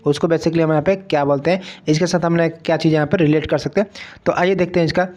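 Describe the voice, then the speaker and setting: A man's voice: on the high side, a little mellow. A man teaching an online exam prep lesson, explaining step by step and often checking that students follow. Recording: muffled lo-fi recording.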